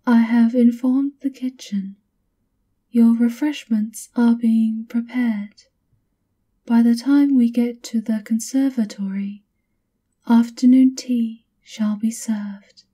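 With a fairly high, fairly even voice, a woman plays a vampire countess's subservient maid in whispered ASMR. She speaks softly and courteously, each breathy word measured, her manner coolly formal and politely servile.

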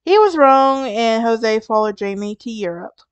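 A woman's voice: a little high, lively intonation, measured pace, smooth, no room sound, muffled recording. A woman with a Southern US accent, narrating a true crime podcast in a conversational way, with wry asides and restarts. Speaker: podcast host.

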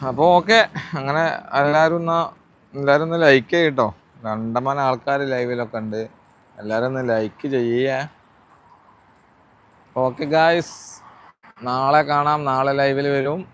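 A man from Kozhikode district, Kerala, India, with a northern Kerala (Malabar) Malayalam accent, chats casually as a live-stream vlogger, greeting viewers and repeating his phrases and questions. His mid-range voice is clear, resonant and fairly bright, with fairly even intonation at a moderate pace and frequent pauses.

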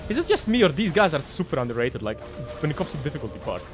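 His voice a little high and racing over music, a young streamer with a Croatian accent gives live commentary from his home streaming room. He gets excitable during boss fights, swearing and laughing, and talks to viewers through a headset.

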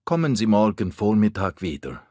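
Male reader putting on a cautious middle-aged innkeeper woman; raised pitch, careful delivery. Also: moderate pace, dry recording, clean studio sound. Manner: careful, warmly excited at times.

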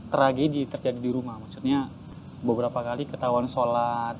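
A man, a guest telling a personal story in an animated way, often repeating words. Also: mid-range voice, fairly quick. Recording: steady background noise.

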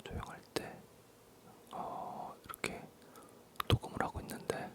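A man whispering a rambling ASMR talk in a breathy, barely audible low voice, halting and softly repeating words. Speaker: ASMR creator.

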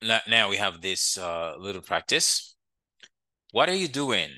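Male English teacher, low bright voice, close dry sound, slow repeated drills. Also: big pitch swings, dry recording. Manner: drills English phrases slowly, asks "ok?" often. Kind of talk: language lesson.

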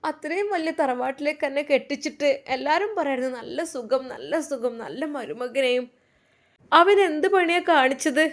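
A woman's voice: lively intonation, brisk, few pauses. A woman voicing an anxious, emotional middle-aged mother in a storybook tale. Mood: upset, scolding. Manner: anxious, pleading, high-strung.

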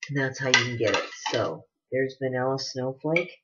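A woman in her forties with a rumbling low voice talks at normal speed during a casual product haul, gushing and rambling between items. She's a beauty vlogger filming indoors in her living room, and the desk-distance webcam audio is dull, noisy and lo-fi.

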